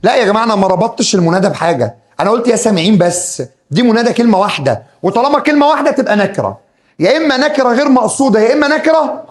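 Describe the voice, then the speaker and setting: High-voiced Egyptian man drilling grammar. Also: racing. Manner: animated drilling, repeats rules and voices students' questions. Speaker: Arabic grammar teacher. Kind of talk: classroom grammar lesson.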